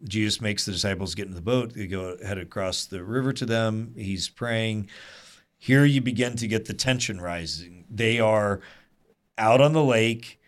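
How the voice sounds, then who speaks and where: A man leading a small group Bible study, telling the story earnestly and lively with asides to the group. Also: lowish voice, moderate pace. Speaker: Bible teacher.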